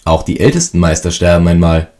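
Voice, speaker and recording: A man reading a storybook and voicing a stern but kindly old official who speaks in a formal, measured way. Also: deep voice, animated, a little mellow.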